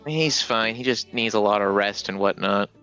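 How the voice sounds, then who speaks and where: A man's voice: fairly low pitch, normal speed, sharp tone, highs cut off, faint music behind. A man taking part as a player in a tabletop game, answering casually and briefly.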